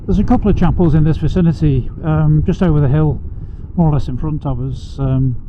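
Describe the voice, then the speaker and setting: Man talking inside a motorcycle helmet. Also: a little high. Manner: chatty, unhurried, tour-guide explaining. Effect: muffled inside a motorcycle helmet. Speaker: motorcycle vlogger giving a ride tour. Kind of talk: casual rambling travel commentary while riding. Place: outdoors, riding a motorcycle on country roads. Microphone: microphone inside a helmet. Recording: dull helmet-mic sound with engine and wind noise. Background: motorcycle engine and road noise.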